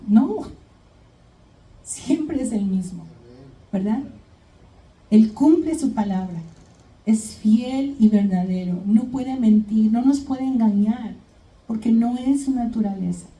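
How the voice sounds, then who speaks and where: Woman preaching with a dark, mellow voice. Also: fairly high pitch, unhurried. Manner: retells Bible stories, keeps checking in with "¿verdad?"; addresses congregation as brothers and sisters. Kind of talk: sermon. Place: church. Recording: echoey church hall, mic at a distance.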